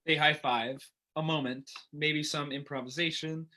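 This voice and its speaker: A man reading the stage directions of a play in a plain, even manner. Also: a little high, moderate pace.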